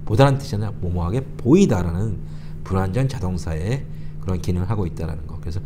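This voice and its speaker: A man's voice: low voice, lively intonation, quick pace, noisy background. A man teaching English phrases in a patient explanatory lesson, repeating lines for learners to copy. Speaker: English tutor.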